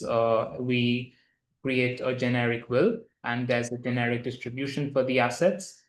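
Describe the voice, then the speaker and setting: A male lawyer who grew up in India gives explanatory interview answers as a guest, with a medium-pitched voice. He's steady, monotone and matter-of-fact, with occasional fillers, and the room has a roomy echo.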